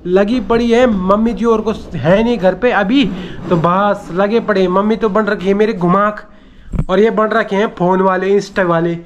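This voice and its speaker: A man's voice: sits high, fairly even intonation, moderate pace, a little hiss or hum. A young man from Uttarakhand chatting and teasing his family in a casual home vlog. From Uttarakhand, India. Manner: teasing, joking banter. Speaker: vlogger.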